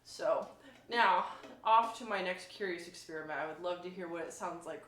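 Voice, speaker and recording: Reviewing an instrument, this violinist talks through a casual, eager demonstration with plenty of emphasis and running explanation. She has a lowish, slightly bright voice and speaks at a moderate speed. There's a spacious echo to the sound.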